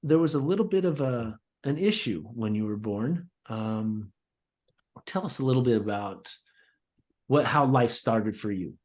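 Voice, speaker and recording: An upbeat man co-hosts a podcast, introducing his guest with enthusiasm. His voice sits at a medium pitch and he keeps a friendly, conversational pace. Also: animated, a little slow, darkish tone. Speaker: podcast co-host. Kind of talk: podcast interview hosting.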